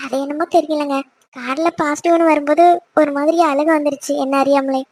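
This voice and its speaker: A woman's voice: sits high, fairly even intonation, a little fast, darkish tone, natural voice. A woman voicing a young cartoon wife who has just learned she is pregnant, tearful and shy by turns. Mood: coy. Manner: tearful, then coy and teasing. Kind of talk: cartoon voice acting.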